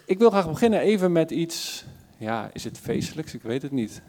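A man opening a church service with a relaxed, somewhat hesitant welcome. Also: on the high side, normal speed. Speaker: service leader.

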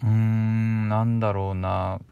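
A young Kansai-accented man hosts casual solo radio talk, rambling with a touch of bashfulness and chuckles between thoughts. His fairly low voice is warm and clean, with a level tone and measured pace, and the highs are cut off.

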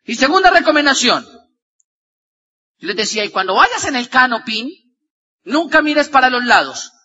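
Man, motivational speaker, very bright voice, acts out the voices in his stories. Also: big pitch swings, moderate pace, big-room sound, highs cut off. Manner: shifts from loud shouting to low murmurs, acts out dialogue. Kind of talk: energetic motivational talk with storytelling.

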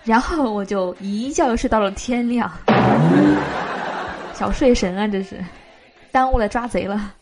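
A woman's voice: mid-range voice, moderate pace, loud music behind the voice. A woman hosting a show, reading short jokes aloud and laughing at her own punchlines. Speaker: host.

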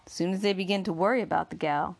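A woman's voice: lowish voice, fast talker, vocal fry. A woman voicing a tough, scheming young man who speaks in clipped street talk in an audiobook. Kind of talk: audiobook character reading.

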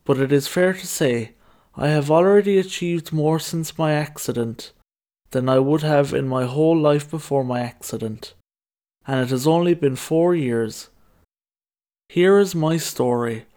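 A man's voice: fairly high pitch, a little slow, mellow. A young adult man with a Kerry Irish accent, reading a scripted first-person documentary narration over music. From Ireland. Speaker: documentary narrator telling own story.

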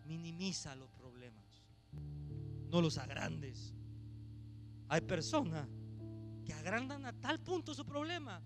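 A man preaching a sermon as pastor, swinging from hushed asides to shouted exhortation. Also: on the high side, animated, slow pace, long pauses, over music.

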